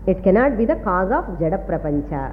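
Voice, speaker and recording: A Vedanta teacher with a South Indian Tamil accent gives a philosophy lecture mixing two languages, speaking fast and very animatedly in a medium-pitched voice. She teaches didactically, repeating key phrases and checking understanding. The audio sounds tinny and phone-like, with long reverb and a faint hum.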